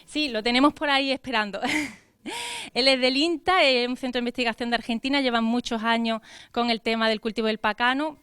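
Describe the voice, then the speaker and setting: Female organizer, informal and chatty, very clear, fairly high voice. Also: steady tone, fast talker, fairly bright tone, no echo, studio quality. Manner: informal, chatty, with filler words. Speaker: event organizer. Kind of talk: presenting a technical seminar.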